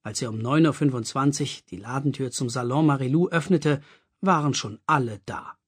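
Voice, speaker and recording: An audiobook reader narrating a story expressively with a husky voice. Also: medium pitch, moderate pace. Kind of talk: scripted narration.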